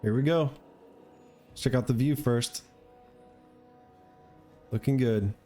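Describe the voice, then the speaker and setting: A relaxed man with a soft, dark tone and an average pitch chats over a game he is playing. His commentary is casual and rambles along in a laid-back way, with faint music underneath. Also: takes it slowly. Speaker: gamer, let's play streamer.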